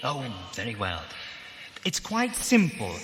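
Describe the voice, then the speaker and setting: An actor playing an embittered, sharp-tongued male time traveller in a science fiction audio drama, theatrical and scornful. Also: medium pitch, huge pitch swings, slow. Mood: dry, explanatory. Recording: noisy, echoing hall-like sound.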